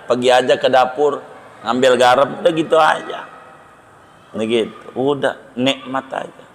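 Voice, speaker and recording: A man's voice: mid-range voice, steady tone, unhurried, a little hiss or hum. A male Islamic preacher, giving a humorous, storytelling sermon. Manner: joking, storytelling, conversational.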